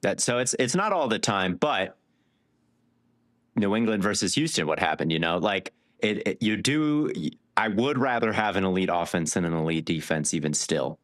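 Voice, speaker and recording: Deep-voiced man breaking down stats. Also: normal speed, no room sound, studio quality. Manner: stat-heavy, animated analysis. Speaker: podcast co-host. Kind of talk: casual sports chat.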